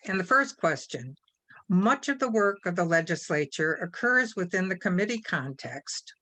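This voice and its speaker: Slow, low-voiced woman moderating a forum. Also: fairly bright tone. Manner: measured, announcing rules and speakers. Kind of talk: formal moderating.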